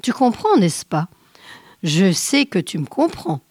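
Woman reading weary lovesick man, resigned, slow pace, dry voice. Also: medium pitch, very animated, darkish tone, slightly rough, no echo.

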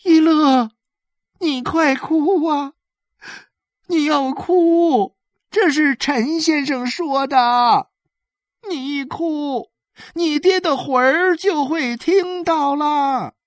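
A woman voicing a desperate village woman who begs and weeps, with drawn-out wailing pleas. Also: sits high, dry recording, studio quality, voice pushed up. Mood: tearful pleading.

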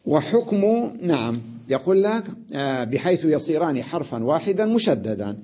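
A man teaching an Arabic grammar lesson, sounding out letters slowly, repeating examples and often checking that the listener follows. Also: a little high, big pitch swings, muffled recording. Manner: addresses the listener directly with checks like "notice" and "right?".

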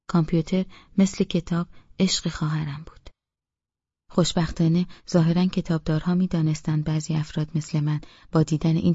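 A man with a gravelly, husky voice reading a novel in first-person narration. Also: fairly high pitch, dry recording, lo-fi sound. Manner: flat, even reading. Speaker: audiobook narrator.

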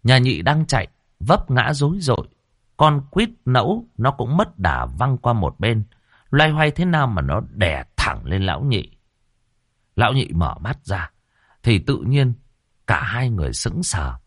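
A man's voice: mid-range voice, sing-song, a little slow, husky, dry recording, clean studio sound. A man narrating a comic ghost story in a dramatic, colloquial way.

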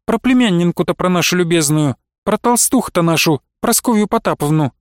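A man's voice: high voice, animated, fairly quick, dry recording, studio quality. A man voicing a grieving, pious old nun who laments and pleads tearfully. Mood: mournful. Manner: lamenting, sing-song pleading.

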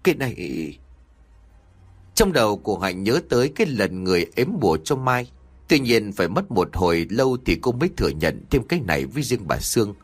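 A man narrating an audio story in a dramatic, expressive way. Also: fairly low pitch, brisk, breathy edge.

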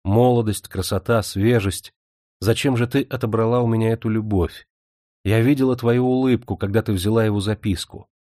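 A man's voice: lowish voice, steady tone, moderate pace, mellow, dry recording, clean studio sound, natural voice. A man voicing a despairing, jealous older sister, a young woman who speaks in anguished, pleading tones.

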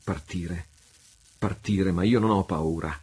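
A man's voice: deep voice, takes it slowly, darkish tone, husky, heavily acted. A man doing a proud fearless pirate chief. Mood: defiant. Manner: defiant, proud.

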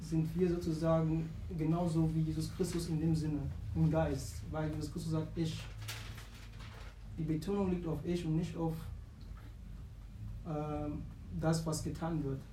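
Man, congregation member, halting, many pauses, roomy, faint hum. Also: on the high side, little pitch movement, dark tone. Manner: searching for words, many hesitations. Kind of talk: answering in a church discussion. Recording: distant, echoing room.

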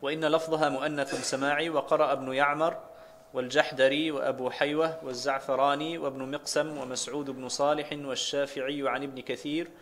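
A man's voice: fairly high pitch, flat delivery, fast, fairly bright tone, a little hiss or hum. A man reading a religious text aloud for his teacher, steadily reciting quotes and long lists of names.

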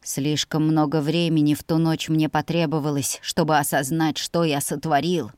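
A woman's voice: low-pitched, level tone, moderate pace, a little mellow, smooth, no room sound, studio quality, voice pushed down, lightly acted. A woman voicing a remorseful older man who pleads through tears, his voice shaking. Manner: trembling voice.

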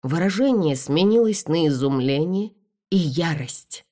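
Low-voiced woman reading an audiobook. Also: measured pace. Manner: expressive, dramatic reading. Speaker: audiobook narrator. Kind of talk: first-person audiobook narration.

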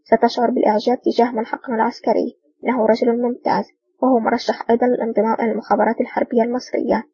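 A woman's voice: on the high side, little pitch movement, rapid-fire, mellow, slightly rough, no room sound. A woman reading the part of a courteous, formal older male ambassador, from a dull, distant recording.

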